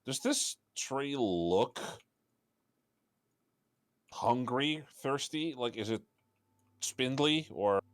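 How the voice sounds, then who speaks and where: A man playing a tabletop role-playing game, describing his character's actions in a halting way, often stopping to find words. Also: mid-range voice, expressive, no room sound. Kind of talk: casual in-character play description.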